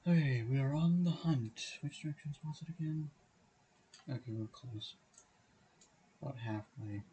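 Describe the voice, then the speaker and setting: Mellow-voiced man rambling through gameplay. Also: medium pitch, a little slow, husky, low-quality recording. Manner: rambling, self-correcting, thinking aloud. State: slightly hoarse. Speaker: streamer. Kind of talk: livestream gameplay commentary. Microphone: desk mic on a stand.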